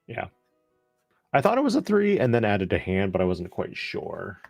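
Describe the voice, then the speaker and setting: A man co-casting a card game tournament live, calmly breaking down the plays. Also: fairly low pitch, normal speed, gravelly, no echo, soft background music. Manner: calm, explanatory, breaks down plays. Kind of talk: live color commentary.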